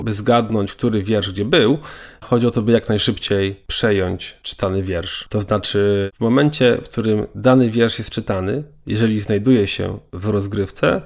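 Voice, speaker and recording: A man being interviewed as a documentary maker, explaining things in a measured, detailed way. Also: on the low side, vocal fry. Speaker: documentary filmmaker guest.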